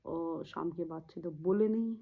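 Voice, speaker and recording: A woman's voice: low voice, creaky. Woman telling a sad personal story, keeps trailing off and repeating herself, sounds like a phone line. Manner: halting and repetitive, trailing off; emotional, grieving tone. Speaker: vlogger. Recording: tinny phone-like audio.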